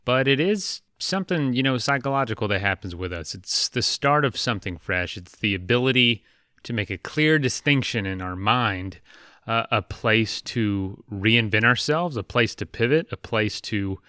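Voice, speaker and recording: A man hosting a podcast interview, speaking in a relaxed, rambling way with lots of fillers and restarts. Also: fairly low pitch, moderate pace, smooth, no echo, studio quality. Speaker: podcast host. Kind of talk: casual interview chat.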